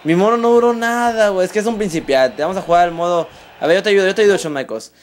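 A man with a Mexican accent giving excitable let's play commentary, swearing a lot and talking to viewers as he plays. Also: high-pitched, fast talker. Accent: Mexican Spanish. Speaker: gaming channel host.

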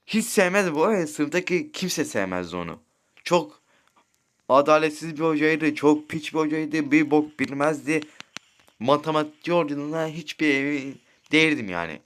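A teenage boy streams a mobile game while telling rambling, crude school stories, swearing often and constantly asking his listeners "right?" His voice is on the high side and a bit bright, with slight background noise.

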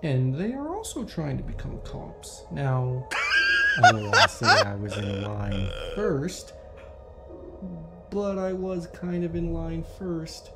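Man playing a creaky, shifty reformed criminal. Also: on the high side, full character voice. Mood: deadpan, pleading. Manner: deadpan, insistent, halting, self-justifying. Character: shifty self-excusing criminal man pleading to become a cop. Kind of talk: character monologue to camera. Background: clear music.

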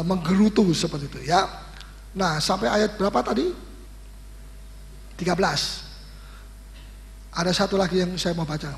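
A male preacher with a high voice and a gravelly edge delivers a sermon. He talks in a lively, teasing way, with plenty of questions for his listeners. The sound rings with the long echo of a church hall. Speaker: pastor. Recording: echoey hall recording.

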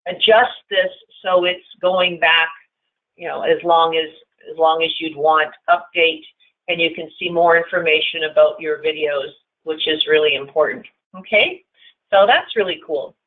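A woman who works as a digital marketing consultant, giving a chatty, upbeat tutorial as she walks through software features on screen. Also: mid-range voice. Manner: chatty and upbeat, often calling features cool. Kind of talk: screen-share tutorial walkthrough. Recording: narrow phone-like audio.

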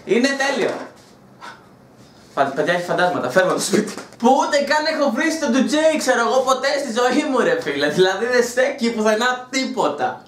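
A man rants in a casual home vlog, crude and mocking, with a sarcastic bite. His voice sits high for a man and swings widely in pitch. The room around him gives a noticeable echo. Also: fairly bright tone, slight background noise. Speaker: YouTuber. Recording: roomy echo.

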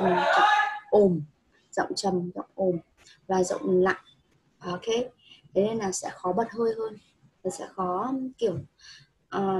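A woman with a very breathy, husky voice tutors a student in English. She is patient and laughs easily. She mixes explanations with English phrases. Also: mid-range voice, warm tone, poor audio. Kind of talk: one-on-one online English lesson.

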